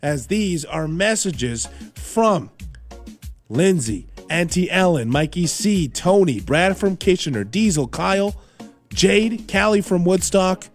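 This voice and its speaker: A male radio host with a sick voice, running a quiz segment in a teasing, animated way and laughing often. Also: high voice, slow, soft background music. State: sick, voice not his usual. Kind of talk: radio quiz show hosting.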